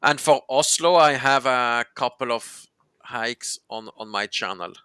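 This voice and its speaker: Bright, crisp-voiced man. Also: mid-range voice, dry recording, clean studio sound. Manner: halting, restarts often, explains local words. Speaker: host. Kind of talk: casual chat.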